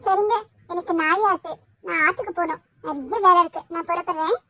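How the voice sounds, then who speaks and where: A shy young village woman in a cartoon, voiced very high by a woman. She speaks softly and hesitantly, polite to a fault. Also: brisk. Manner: hesitant, soft-spoken. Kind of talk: cartoon voice acting.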